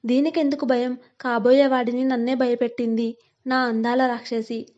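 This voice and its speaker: A woman's voice: fairly high pitch, level tone, moderate pace, darkish tone, muffled recording, close to an everyday voice. A woman voicing a young man, a playful and devoted fiancé who teases affectionately, in a storybook reading. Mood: playful, doting.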